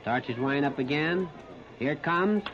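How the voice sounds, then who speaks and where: A slightly high-voiced American man provides live 1939 radio commentary on a baseball game, calling each play in clipped little phrases broken by pauses. He broadcasts from behind home plate at an outdoor ballpark, preserved on a muffled, noisy 1930s radio disc.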